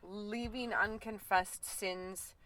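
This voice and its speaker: A woman in her forties co-hosting a podcast in casual chat, telling animated stories and acting out quotes. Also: medium pitch, takes it slowly, poor audio. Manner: animated storyteller, acts out quotes with laughter. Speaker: podcast co-host.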